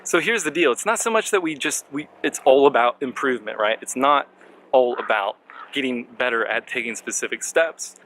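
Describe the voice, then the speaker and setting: A man's voice: medium pitch, moderate pace, fairly bright tone, slight background noise, low-quality recording. A man giving earnest, encouraging motivational advice while outdoors on a bike trail, slightly out of breath. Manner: earnest, encouraging, asks viewers questions. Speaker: marketing vlogger. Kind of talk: motivational talk to camera.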